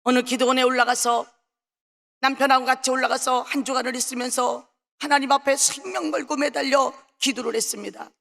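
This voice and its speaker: A woman pastor giving a fervent testimony sermon. She swings between soft and loud passages. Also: high-pitched, level tone, fairly quick, gravelly. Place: large prayer hall. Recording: long reverb of a large prayer hall.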